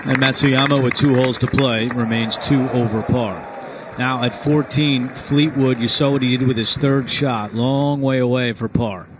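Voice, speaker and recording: A man's voice: medium pitch, moderate pace, hardly any pauses. A man working as lead golf commentator, calling live tournament play. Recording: steady outdoor background noise.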